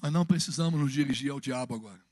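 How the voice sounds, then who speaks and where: A man's voice: medium pitch, very fast, darkish tone, dry recording. A Brazilian man preaching a Sunday evening sermon in a church, moving between fervent exhortation and humorous personal stories. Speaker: pastor.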